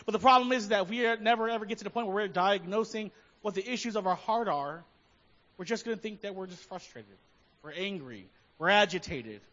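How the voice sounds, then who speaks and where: A man's voice: high voice, fairly quick, fairly bright tone, dull audio. A man preaching a sermon as pastor, talking conversationally and asking his listeners many questions.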